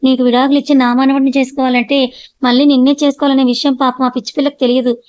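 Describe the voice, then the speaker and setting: A woman voicing a teasing, sharp-tongued old grandmother in an audio story. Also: high voice, little pitch movement, fast talker, clean tone, dry recording, dull audio, natural voice. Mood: scolding. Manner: scolding, mocking.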